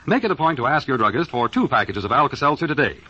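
A man's voice: mid-range voice, very animated, fast talker, pushed and bright, husky, muffled recording. A man working as a 1940s radio announcer, reading scripted copy with polished, emphatic salesmanship on an old broadcast recording.

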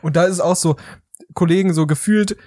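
A man's voice: high voice, fairly quick, warm tone, no room sound, studio quality. A man co-hosting a casual podcast chat, rambling with restarts and laughing often. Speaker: podcast co-host.

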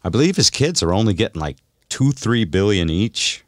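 An older man hosts a radio show, bantering and spinning stories in a relaxed, wry, conversational way. His voice is lowish with big swings in pitch, and he talks at a normal speed. The sound is clean studio audio with no room echo.

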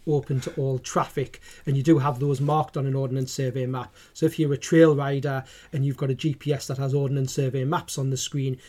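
This man from North East England speaks with a Geordie accent in a warm, mid-range voice that barely rises or falls. A podcast co-host and GPS trainer, he explains gear briskly, with hardly any pauses, in a practical, casual product chat.

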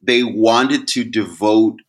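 A young man co-hosting a podcast in casual chat, animated and jumping into high, loud voices when he mimics other people. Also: slow. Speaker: podcast co-host.

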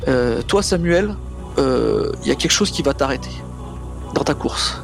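A man improvising tabletop game narration as game master, in a hesitant, halting way, with music behind him. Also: medium pitch, expressive, vocal fry.

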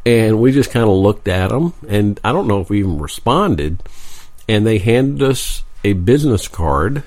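A man's voice: lowish voice, animated, normal speed, darkish tone, no echo. A man co-hosting a podcast, telling a story in a wry, joking way. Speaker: podcast co-host. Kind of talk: casual storytelling chat. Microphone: podcast microphone.

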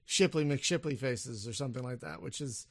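A man's voice: medium pitch, animated, normal speed, no room sound. A man hosting a casual podcast interview, chatty and upbeat, often restarting his sentences. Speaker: podcast host.

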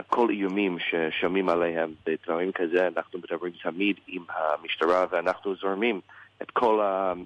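A man with an American English accent in Hebrew, a native English speaker, answers a radio interview as a rabbi, haltingly searching for words. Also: low-pitched, dry recording, dull audio.

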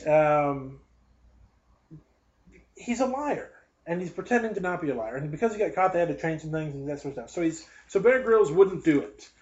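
This young podcast host has a high voice with a darkish tone. He reads from a college newspaper, mocks it sarcastically, and drifts into tangents in casual live commentary, all captured in dull lo-fi audio.

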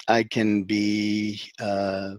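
A middle-aged man raised in the Dominican Republic, a therapist talking as a guest in a conversational interview, halting with many fillers and restarts. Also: fairly low pitch, level tone, a little mellow, dry recording.

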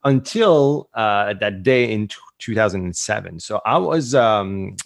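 A man's voice: on the low side, expressive, a little slow, vocal fry, no room sound, studio quality. Man with a Quebec French accent. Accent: French Canadian (Quebec French). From French-speaking Canada. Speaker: interview guest, entrepreneur. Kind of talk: casual interview talk.

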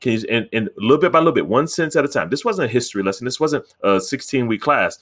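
A man, a therapist, calmly recounting a session with a client, earnest and measured, with frequent fillers and restarts. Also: mid-range voice. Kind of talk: reflective storytelling talk.

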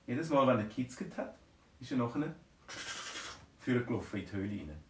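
A man's voice: mid-range voice, sing-song, a little fast, darkish tone, a little hiss or hum. A man with a Swiss German accent telling an improvised, playful bedtime story. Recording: roomy, distant from mic.

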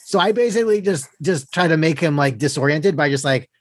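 A man hosting a casual chat, relaxed and rambling, with jokey asides. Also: on the high side, brisk, no echo, clean studio sound.

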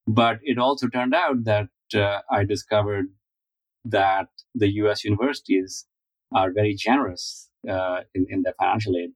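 A man in his forties from India speaks in a low, unhurried voice, pausing often with fillers as he answers. The recording is close and dry, with no room sound. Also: no echo, rough recording. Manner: measured, thoughtful, many uh fillers. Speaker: guest, finance founder. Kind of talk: interview answers.

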